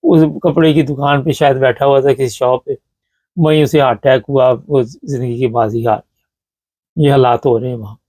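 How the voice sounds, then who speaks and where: A man hosting a talk show, giving measured, lamenting commentary in a deliberate way. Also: mid-range voice, fairly even intonation, mellow, no room sound. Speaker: host.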